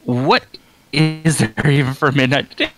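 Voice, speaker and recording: A man playing a tabletop game over a video call, his audio cutting out from a bad connection, talking in halting starts and restarts. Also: mid-range voice. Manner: halting, restarts often, clears throat. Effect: choppy audio cutting out from a bad internet connection. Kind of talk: casual online game session.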